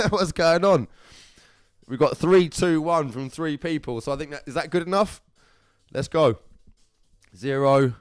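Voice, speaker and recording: A man's voice: fairly high pitch, unhurried, clear, resonant tone, no echo, studio quality. A young man, hosting a live competition draw in casual, upbeat chat, calling viewers lovelies and brother.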